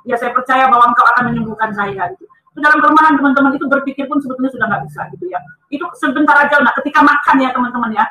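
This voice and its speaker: A woman's voice: high-pitched, steady tone, racing, sharp tone, recorded from a distance, a little hiss or hum. A woman giving an emotional personal testimony. She is earnest and emphatic, and she keeps turning to her listeners as friends. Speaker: testimony speaker. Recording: echoey room, voice from off-mic.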